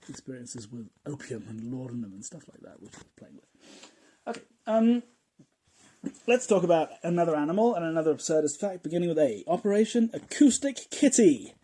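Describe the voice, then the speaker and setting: A man hosting a podcast in a casual monologue, rambling and chatty, often chuckling and dropping into quiet asides. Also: mid-range voice, a little hiss or hum, rough recording. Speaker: podcast host.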